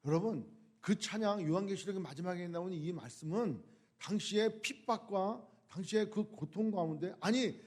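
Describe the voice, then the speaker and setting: Male preacher, higher pitched, impassioned sermon delivery with rhetorical questions, loud peaks and quiet drops. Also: normal speed. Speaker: pastor. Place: church sanctuary.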